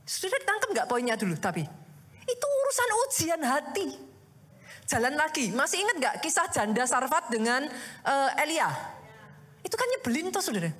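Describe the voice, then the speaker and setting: A woman pastor preaching a sermon in a lively, conversational way, full of rhetorical questions and direct address to the congregation. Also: high-pitched, normal speed. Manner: addresses the congregation often as "Saudara".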